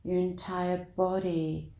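A woman leading a guided meditation in a soothing, deliberate manner, with long pauses between short phrases. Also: lowish voice, little pitch movement, dark tone, reverberant.

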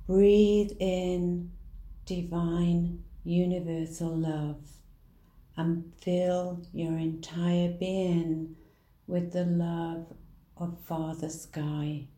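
A woman leading a guided healing meditation in a soft, soothing manner. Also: fairly low pitch, flat delivery. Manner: soft, slow, soothing delivery. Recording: roomy echo.

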